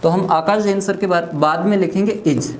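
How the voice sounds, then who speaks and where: Man teaching English, spelling words out slowly. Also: high voice. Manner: checks understanding with frequent "theek" and "clear hai". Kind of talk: classroom lecture. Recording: echoey room, faint room noise.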